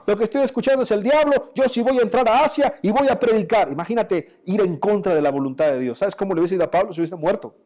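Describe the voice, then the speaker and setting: A pastor preaching a sermon, animated, asking his listeners rhetorical questions. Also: high voice. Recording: dull lo-fi recording.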